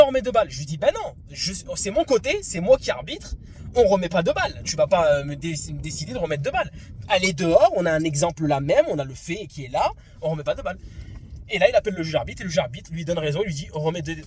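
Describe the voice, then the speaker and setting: A man in his twenties from France, retelling a tennis match dispute in an indignant, animated vlog. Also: fairly high pitch, a little hiss or hum. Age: 20s. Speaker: tennis vlogger. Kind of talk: vlog story recap.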